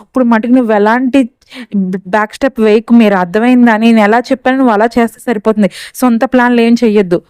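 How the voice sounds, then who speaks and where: A calculating male mastermind gives orders in quick, crisp lines, as a woman storyteller plays him. Her voice stays fairly high and clear. It sounds like dry, close narration of a serial recap. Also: steady tone, a little mellow, no echo, lightly acted. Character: cunning male schemer, bossy mastermind.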